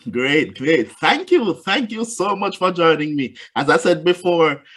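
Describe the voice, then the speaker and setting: A man's voice: a little high, very animated, unhurried, fairly bright tone. A man hosting an interview, speaking animatedly and addressing the listeners directly. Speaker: interview host.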